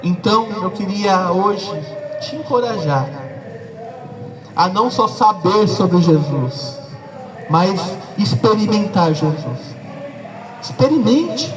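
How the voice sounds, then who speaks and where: A man's voice: high voice, expressive, takes it slowly, pauses often, recorded from a distance, crowd noise, poor audio. A Brazilian man preaching a sermon as pastor, talking conversationally and emphatically straight to his listeners. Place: church service with a congregation.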